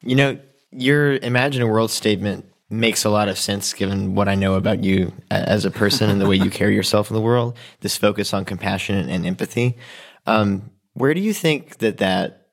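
A man's voice: fairly low pitch, fairly quick, vocal fry. A man co-hosting a podcast, joking and rambling a little, with frequent restarts. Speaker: podcast co-host. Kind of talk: casual interview chat.

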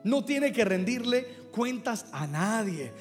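A man's voice: high voice, sing-song, takes it slowly, faint music behind. A man, a pastor, preaching a sermon to a congregation and calling on them to answer back. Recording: long hall reverb.

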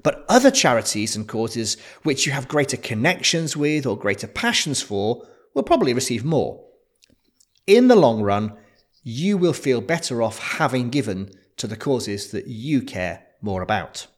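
Lively male podcast co-host. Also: mid-range voice, normal speed. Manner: lively, laughs easily, self-deprecating. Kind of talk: casual conversational podcast.

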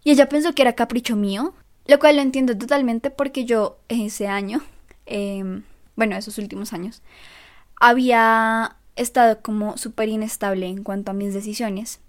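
Lively young woman telling her story. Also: fairly high pitch, moderate pace. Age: young adult. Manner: lively, self-mocking, jokes to the audience. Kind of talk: personal storytelling vlog.

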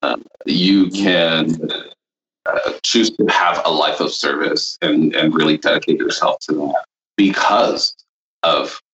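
A man from Honduras, a podcast guest, speaking reflectively and haltingly with many fillers. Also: a bass voice, steady tone, fairly bright tone, reverberant, highs cut off. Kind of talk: podcast interview.

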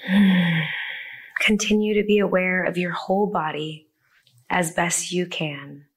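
A woman leading a guided body-scan meditation, speaking softly and soothingly with long pauses. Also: lowish voice, husky. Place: a room with the listeners present.

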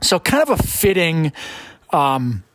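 A man hosting a conversational podcast in a casual, halting way, often restarting his phrases. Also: fairly high pitch, sing-song, fairly bright tone, no room sound. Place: basement of a guest home.

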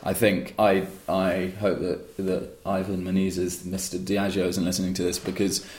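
A man's voice: low voice, little pitch movement, moderate pace, darkish tone, roomy sound. A man being interviewed about founding his own rum brand, talking in long, rambling answers full of restarts and fillers. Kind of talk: conversational interview.

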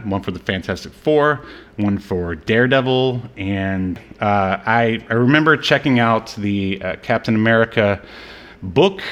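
A podcast host with a lowish, slightly bright voice chats casually about an old superhero movie. He rambles and jokes, hesitating often along the way.

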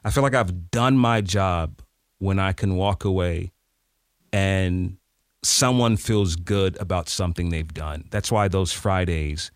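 A man's voice: sits low, slow, clean tone, dry recording, studio quality. A man who coaches voiceover talent, talking casually and animatedly in an interview. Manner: animated, conversational, jumps into demo voices.

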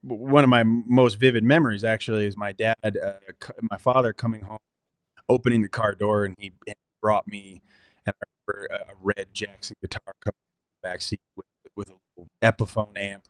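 Rambling low-voiced man on a remote call. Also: little pitch movement, fairly quick, no echo, low-quality recording. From Connecticut, USA. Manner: rambling, self-deprecating, restarts often. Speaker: podcast guest, musician. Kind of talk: casual interview chat. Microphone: computer mic over remote call.

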